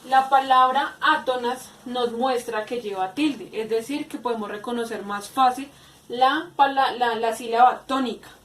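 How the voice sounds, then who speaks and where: Woman teacher, fairly high voice, hesitant step-by-step explaining, roomy echo, off-mic. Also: a bit bright, slight background noise. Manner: explains slowly with many hesitations and repeats. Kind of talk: spoken grammar lesson. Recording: echoey room, far from mic.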